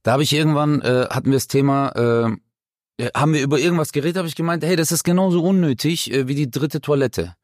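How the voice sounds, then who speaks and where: A man from Germany, a comedian guest in a casual interview chat, telling stories in an animated, slangy way with big swings in pitch. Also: fast talker, dry recording, studio quality.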